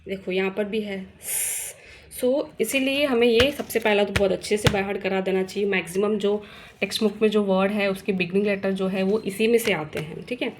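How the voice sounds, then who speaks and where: A woman explaining a reading lesson for parents in a casual teaching way. She mixes in English words, sounds words out slowly and often checks in with listeners. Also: mid-range voice, steady tone, a little hiss or hum.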